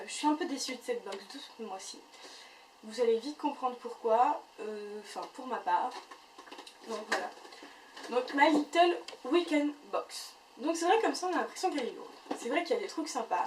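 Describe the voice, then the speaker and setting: A woman's voice: on the high side, echoey room. Chatty woman a bit off-mic. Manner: chatty, full of fillers and restarts. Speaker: beauty vlogger. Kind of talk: casual unboxing review. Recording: voice a bit far from the mic, faint noise.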